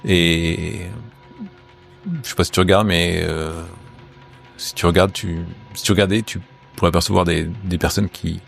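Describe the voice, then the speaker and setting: A man running a tabletop role-playing game, narrating in a halting, improvised way. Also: sits low, level tone, vocal fry, soft background music. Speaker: game master.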